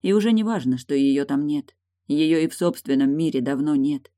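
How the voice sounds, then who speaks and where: Steady audiobook narrator, dry close sound. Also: mid-range voice, normal speed, no room sound. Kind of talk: scripted narration.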